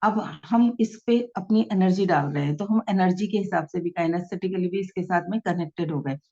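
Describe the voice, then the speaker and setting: A woman with a fairly low voice gives a patient lesson, going over her points more than once. She reads passages aloud with expression as she explains. The sound is dull and lo-fi. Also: normal speed, a little mellow. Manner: demonstrates reading aloud with expression. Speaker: self-help teacher. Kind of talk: explanatory talk to camera.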